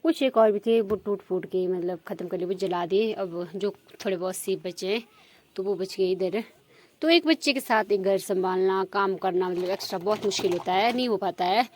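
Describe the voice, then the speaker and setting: A woman's voice: mid-range voice, moderate pace, a little mellow, no echo. A woman with a Himachali Pahadi accent, chatting to her viewers as a village vlogger in a rambling way full of fillers. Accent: Himachali Pahadi Hindi. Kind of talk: casual chat to viewers.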